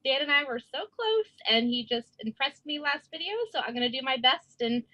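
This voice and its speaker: A woman's voice: high-pitched, expressive, sharp tone, muffled recording. A woman chatting casually as co-host, laughing easily. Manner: giggly, quick to laugh. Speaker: author and co-host. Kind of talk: casual chat.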